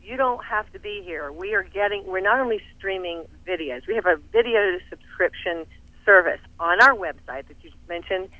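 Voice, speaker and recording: A middle-aged woman speaks with a Southern US drawl, lively and enthusiastic about her subject. She laughs easily and the sound is close and dry, with no room around it. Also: mid-range voice, moderate pace, no echo, rough recording. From American South. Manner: energetic, animated, laughs often. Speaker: fitness studio owner, interview guest. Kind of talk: enthusiastic interview talk.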